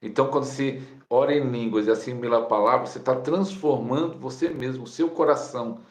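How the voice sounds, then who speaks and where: A Brazilian man who co-hosts a live stream and explains in a loose, conversational way with fillers. His mid-pitched voice carries a noticeable roomy echo. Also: fairly quick.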